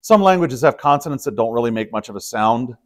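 A male pastor teaching a small Bible study group in an easygoing, explanatory way. He talks in a mid-range voice, pausing with ums and backing up to restart phrases as he thinks aloud. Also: medium pitch, animated. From Texas. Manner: conversational, explanatory, with frequent fillers and restarts. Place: church study room.

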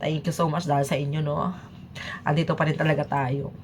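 A woman's voice: low voice, level tone, a little fast, a little mellow, a little hiss or hum. A woman from the Philippines chatting casually as a YouTube reaction vlogger, switching between Tagalog and English and laughing often.

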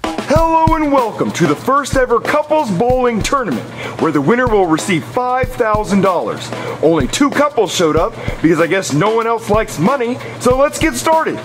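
Brief: man as a hammy bowling announcer, bright lively delivery. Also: high voice, normal speed, music in the background. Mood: announcing. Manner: cheesy announcer patter. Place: indoor bowling alley.

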